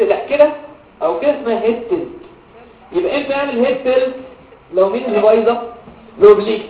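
Rapid-fire Egyptian man lecturing. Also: sits high, recorded from a distance, a little hiss or hum. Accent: Egyptian Arabic. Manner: animated, asks the class questions and answers them himself; mixes English medical terms into his talk. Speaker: medical lecturer. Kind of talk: lecture to students. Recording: tinny phone-like audio, echoey room, from afar.

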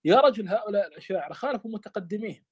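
Fast, high-voiced impassioned male teacher. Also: lively intonation, slightly rough. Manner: impassioned, stammers and repeats words. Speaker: teacher explaining a classical text. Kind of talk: study lesson.

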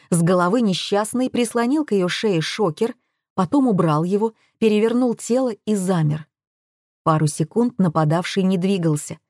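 A woman narrating an audiobook in a steady, measured way. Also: mid-range voice, no echo, studio quality.

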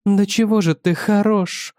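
A man's voice: high-pitched, moderate pace, a little mellow, dry recording, studio quality, voice pushed up, natural voice. A man voicing a young wife who pleads and defends herself in a tense argument with her husband, in an audiobook reading. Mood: dreamy. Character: young adult wife, sleepy then irritated.

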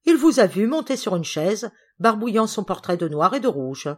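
A woman's voice: mid-range voice, sing-song, normal speed. A woman reading the lines of a prim, indignant lady cousin in an audiobook, precise and accusing.

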